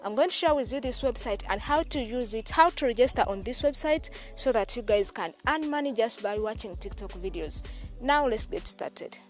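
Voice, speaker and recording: With soft music underneath, this YouTube host from Uganda sounds slightly high and animated, keeping a moderate pace through her tutorial voice-over for a screen recording. She tends to say things twice and constantly calls out to "guys."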